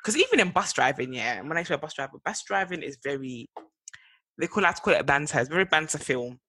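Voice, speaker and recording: A woman's voice: low-pitched, big pitch swings, quick pace, bright, forceful tone, slightly rough, no echo. A young woman, chatting casually as a podcast co-host, often laughing and trailing off mid-sentence. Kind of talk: casual chat.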